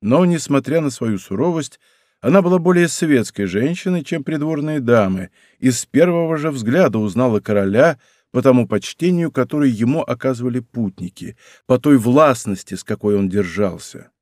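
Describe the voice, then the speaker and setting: A male narrator reads a historical novel in a measured, dramatic way. His voice is at an ordinary pitch, and the studio recording is dry and close with no room sound. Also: expressive, darkish tone, no echo. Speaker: audiobook narrator. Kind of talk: scripted narration.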